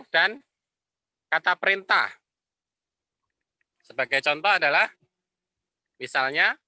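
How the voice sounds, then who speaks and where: A man teaching an Arabic class, explaining patiently and repeating phrases slowly. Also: a little high, pushed and bright, dry recording. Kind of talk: online class lecture.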